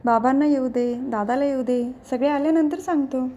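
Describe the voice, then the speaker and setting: A woman's voice: sits high, moderate pace, mellow, lightly acted. A woman voicing an earnest, playful young husband who explains himself to his family.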